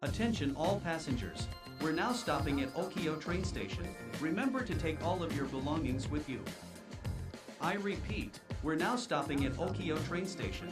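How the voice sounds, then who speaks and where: A man voicing an automated train's loudspeaker announcement, with a flat, robotic tone and formal, repeated instructions. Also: on the high side, normal speed, music in the background. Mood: announcing.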